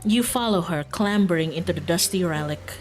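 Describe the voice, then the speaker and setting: On a stream, a woman with a low-leaning voice talks fairly quickly as she reads a visual novel aloud. She comments casually, giggling and interrupting herself, while music plays underneath.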